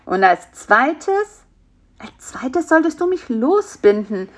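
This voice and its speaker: A woman's voice: high-pitched, big pitch swings, slow, voice pushed up, exaggerated voice. Field: a woman doing a scheming little fly. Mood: scolding. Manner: bossy, eager, talks people into plans. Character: clever pushy male fly, scheming and impatient. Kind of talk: storybook character voice.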